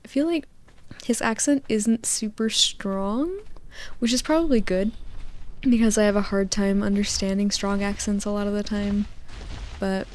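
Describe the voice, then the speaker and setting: Soft-spoken woman, mellow ASMR rambling. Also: medium pitch, steady tone, unhurried, a little hiss or hum. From United States. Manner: gentle, rambling, with whispered asides and soft laughs. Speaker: gaming channel host. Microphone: close microphone, spoken softly.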